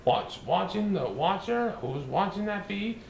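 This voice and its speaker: A man's voice: sits high, sing-song, a little slow, gravelly, full character voice. A man doing the Cat in the Hat, bouncy. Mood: playful. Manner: sing-song, bouncy, swooping delivery. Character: playful mischievous male cartoon cat storyteller. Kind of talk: rhyming storybook reading. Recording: roomy echo, faint hiss.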